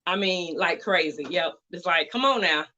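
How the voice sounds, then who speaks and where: A woman as a dentist guest on an interview. She is chatty and lively, quick to laugh. Her voice has a bright ring. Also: on the low side, muffled recording, slight background noise. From Atlanta, Georgia. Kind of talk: casual interview.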